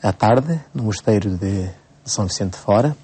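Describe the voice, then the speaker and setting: A man in his forties from Cape Verde, a priest speaking in a radio interview. His voice sits low and sounds mellow and relaxed. He talks unhurriedly and often pauses and restarts his phrases. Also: husky. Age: 40s. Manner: unhurried, frequent hesitations and restarts. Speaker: priest, bishop-elect.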